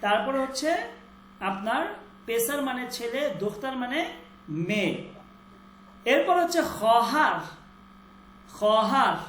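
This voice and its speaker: Lady teacher, kinda high voice, repeats each word slow, echoey room w faint hum. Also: expressive, fairly bright tone. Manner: drills words by repeating them slowly, quizzes students. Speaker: Persian language teacher. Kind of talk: online class lesson.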